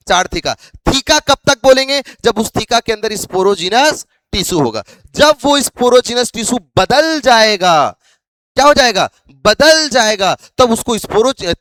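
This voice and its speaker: High-voiced man drilling a biology class. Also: a bit bright, dry recording. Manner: repeats questions to drill students. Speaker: biology teacher. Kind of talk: classroom lecture.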